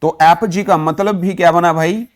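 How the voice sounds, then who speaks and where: A man with an Indian accent teaching a vocabulary lesson, mixing Hindi and English. He keeps firing quick questions at the class and answering them himself. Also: high-pitched, fairly even intonation.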